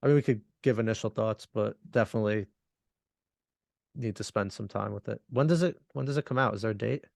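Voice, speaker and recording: A man co-hosting a podcast, chatting in a relaxed, rambling way and laughing often. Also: fairly low pitch, a little fast, creaky, dry recording, clean studio sound. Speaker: podcast co-host. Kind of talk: casual chat.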